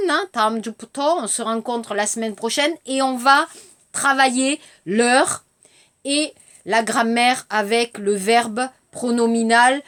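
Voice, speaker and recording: A woman teaching a lesson, speaking slowly and clearly and mixing in Korean glosses. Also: a little high. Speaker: French teacher. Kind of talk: language lesson.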